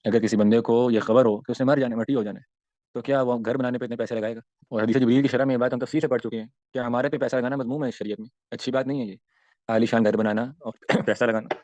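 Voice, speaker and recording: A man's voice: medium pitch, steady tone, darkish tone, no room sound, lo-fi sound. A man, teaching an Islamic class and explaining Arabic verses, with many rhetorical questions and emphatic rises and falls.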